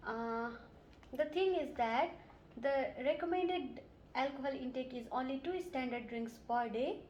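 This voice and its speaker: A woman's voice: high-pitched, unhurried, darkish tone, lo-fi sound, a little hiss or hum. A woman from Nepal, playing a nurse and asking polite, methodical questions in a scripted health assessment role-play. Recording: roomy echo.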